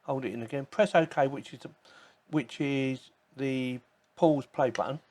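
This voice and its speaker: In an unhurried manner, a tech product reviewer talks through an unboxing and demo in a relaxed, informal way. His voice is medium-pitched and a little mellow, and he chats and thinks aloud throughout.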